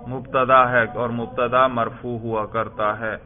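A man's voice: mid-range voice, flat delivery. Man teaching grammar over tinny audio. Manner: questioning, repeats student answers, praises. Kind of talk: classroom grammar lesson.

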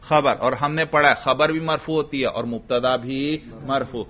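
A man's voice: medium pitch, fairly even intonation, sharp tone. A man teaching an Arabic grammar lesson, firing questions at his students and answering them himself. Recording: dull lo-fi recording.

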